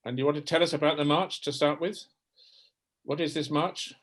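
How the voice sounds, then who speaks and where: A man moderating an online seminar, cutting in with quick questions. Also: fairly high pitch, fairly even intonation.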